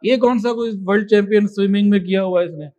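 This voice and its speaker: A man preaching a sermon with passion, moving between soft explanation and loud emphasis. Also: high voice, dull audio. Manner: impassioned, swings from soft to loud with chanted Quran recitation.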